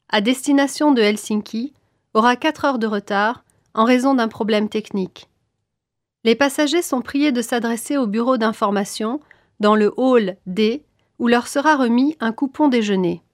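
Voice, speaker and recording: A woman reading scripted airport announcements in a formal, clearly articulated manner. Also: on the high side, no room sound, studio quality. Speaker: announcer in a listening exam.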